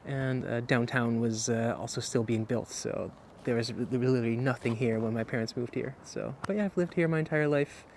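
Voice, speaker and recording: A YouTuber from the Netherlands with a light Dutch accent vlogs casually to camera from his home office on a wireless clip-on mic. His medium-pitched voice is gravelly and brisk, with few pauses and slight background noise. He stays relaxed, rambling and saying "uh" a lot.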